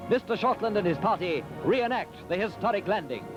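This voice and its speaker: A man narrating an old newsreel in a brisk, formal announcer's delivery. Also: high voice, animated. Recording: lo-fi old newsreel soundtrack with loud music.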